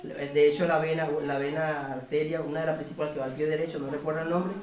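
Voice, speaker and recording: A man's voice: fairly high pitch, little pitch movement, fast talker, a little mellow. A man tells his testimony to a congregation in a fervent, earnest way. His voice echoes through a church hall. He stands well back from the microphone. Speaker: church member giving a testimony. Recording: echoey hall, voice from far off the mic.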